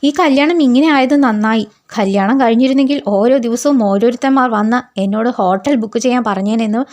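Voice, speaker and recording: A woman reading out the lines of an angry young groom in a serial recap, in a lower, bitter tone. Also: a little fast, a little mellow, natural voice. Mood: contemptuous. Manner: bitter, accusing.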